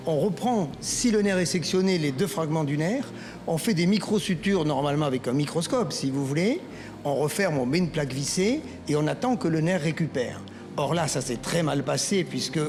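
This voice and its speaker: A man speaking as a medical expert, explaining things in a TV studio discussion. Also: on the high side. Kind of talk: explanatory talk.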